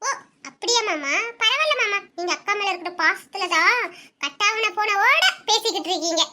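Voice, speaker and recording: A woman's voice: extremely high pitch, animated, normal speed, bright, forceful tone, slight background noise, heavily acted. A woman voicing a cheeky young woman in a cartoon family skit who teases her relatives and meddles in their talk. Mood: teasing. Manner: teasing, chatty.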